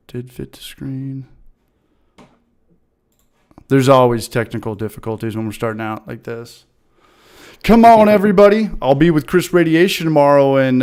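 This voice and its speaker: A man's voice: medium pitch, measured pace, pauses often, clear, resonant tone. A man hosting a casual live stream, upbeat and greeting viewers by name. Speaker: livestream host.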